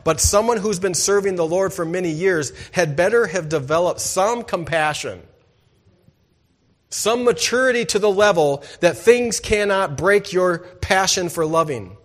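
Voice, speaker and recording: A man preaching a sermon in church, asking rhetorical questions and calling for "amen", moving between loud emphatic lines and quiet low asides. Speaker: pastor.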